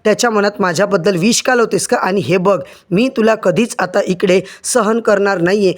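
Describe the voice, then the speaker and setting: A man's voice: sits high, moderate pace, lightly acted. Man voicing a furious scolding mother-in-law. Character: angry scolding middle-aged mother-in-law.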